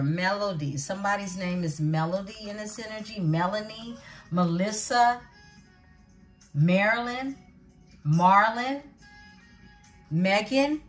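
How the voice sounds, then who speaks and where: A woman giving a tarot reading, calling out names and signs in an unhurried way and calling her viewers beautiful ones. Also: fairly low pitch. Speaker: tarot reader.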